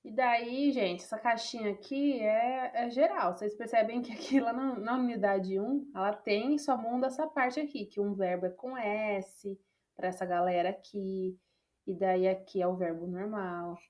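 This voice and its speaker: A woman's voice: medium pitch, moderate pace, a little mellow. A woman with a Brazilian Portuguese accent, teaching an English class online on a video call and explaining patiently. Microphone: computer microphone on a video call.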